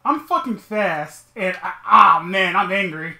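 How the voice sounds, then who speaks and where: Slow-talking frustrated woman gamer, echoey room. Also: medium pitch, lively intonation, vocal fry, sharp tone. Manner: frustrated, swearing and laughing at herself. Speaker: gaming commentator. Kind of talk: casual gameplay commentary.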